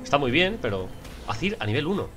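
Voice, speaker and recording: A young man with a Spain Spanish accent giving casual gameplay commentary, excitable and prone to swearing and shouting in frustration. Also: a little high, fast, faint music behind. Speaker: gameplay streamer.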